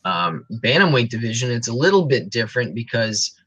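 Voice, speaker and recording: A man's voice: medium pitch, big pitch swings, a little fast, fairly bright tone, breathy edge, rough recording. A man co-hosting a casual sports podcast, breaking down fighters and records in detail with frequent ums and restarts. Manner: analytical, reels off stats with frequent ums.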